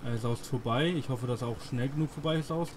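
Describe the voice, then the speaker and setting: A man hosts a let's play in a casual, conversational way at a middle pitch. He comments on the game as he plays, with faint noise and game ambience behind him. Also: a little fast.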